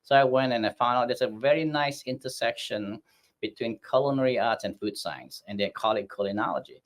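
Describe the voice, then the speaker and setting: A Malaysian man in middle age, who heads a hospitality school, narrates how his career unfolded as an interview answer. His medium-pitched voice runs a little fast, with a chatty, self-deprecating manner and acted-out quotes.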